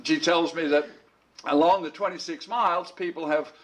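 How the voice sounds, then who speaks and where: A middle-aged man teaching an informal Bible school lesson, his voice a bit higher than most men's. He rambles in a conversational way, repeating words as he restarts his sentences. He clears his throat now and then between thoughts. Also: steady tone, normal speed.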